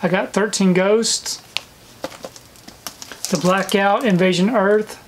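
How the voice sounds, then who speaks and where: A woman's voice: mid-range voice, fairly even intonation, slow pace, a little hiss or hum, rough recording. A woman chatting casually through a collection haul vlog, slightly out of breath, with frequent fillers and restarts. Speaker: video collector vlogger.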